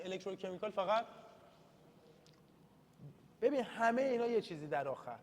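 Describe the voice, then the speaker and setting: This male university lecturer speaks in a high, slightly mellow voice. His classroom study session is casual and chatty, full of self-mockery and English terms read aloud, recorded in a reverberant space with light background noise.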